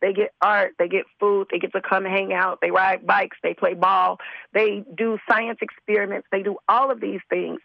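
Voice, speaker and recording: A hoarse woman who is under the weather, speaking as a community organizer in an earnest, repetitive casual interview manner. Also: mid-range voice, level tone, moderate pace, dry recording, dull audio. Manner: earnest, repeats words as she talks.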